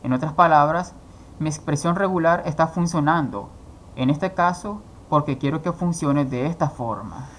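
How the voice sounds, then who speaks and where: A man's voice: on the high side, normal speed, slight background noise. A man teaching a coding course, explaining each step and asking himself questions before answering them. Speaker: programming instructor. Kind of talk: screen-recorded coding tutorial.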